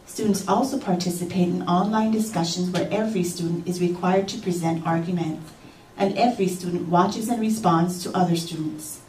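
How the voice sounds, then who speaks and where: A woman reading a formal scripted narration in an even, steady way. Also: medium pitch. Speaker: video narrator. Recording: roomy, distant, faint noise, played through speakers.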